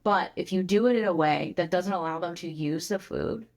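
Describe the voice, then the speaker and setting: A woman who is a guest on a podcast, explaining her ideas in an animated, casual way with many filler words. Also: on the low side, moderate pace. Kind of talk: conversational interview.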